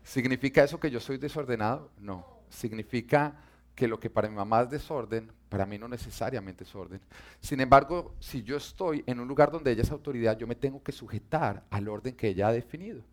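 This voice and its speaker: A man preaching a sermon and telling humorous stories, speaking directly to his audience in a playful, animated way. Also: mid-range voice, brisk.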